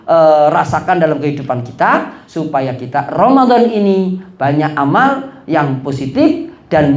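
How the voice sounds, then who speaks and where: A man preaching a religious study talk who poses questions to his audience and answers them himself, with joking asides. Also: sits high. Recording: echoey room.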